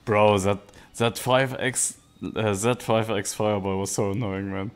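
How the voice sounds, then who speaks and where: A man in his thirties streaming live casino play, talking casually and swearing freely. His voice sits a touch low, and he breaks into excited shouts. Soft music plays behind him. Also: unhurried, clean tone. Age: 30s. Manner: casual, profane, excitable outbursts.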